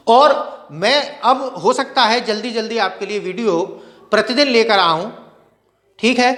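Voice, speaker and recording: Male grammar teacher, high voice, poses his own questions and answers them, some room reverb. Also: a bit bright. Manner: repeats words slowly for pronunciation. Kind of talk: classroom lecture.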